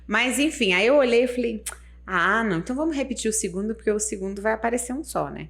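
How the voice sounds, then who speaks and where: A woman's voice: on the high side, expressive, fast, vocal fry, a bit bright. Woman chatting in a confiding tone. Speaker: podcast guest, mother of one. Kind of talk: casual chat.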